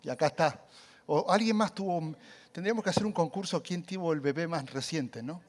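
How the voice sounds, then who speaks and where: Animated male preacher, fairly high voice. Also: fairly quick. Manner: animated storytelling, acting out quotes with sudden loud cries and soft asides. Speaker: pastor. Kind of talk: sermon.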